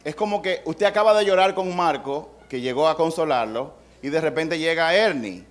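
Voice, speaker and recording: Fairly high-voiced man preaching a sermon. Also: lively intonation, normal speed. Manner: conversational preaching with acted-out quotes and humor. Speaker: pastor.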